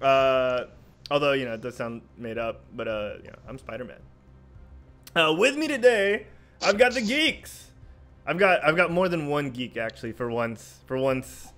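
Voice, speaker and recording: A man's voice: medium pitch, moderate pace, a bit bright. A man hosting a casual podcast, joking around and giving hyped-up announcer intros for his guests. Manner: playful, announcer-style hype intros. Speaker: podcast host. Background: faint background music.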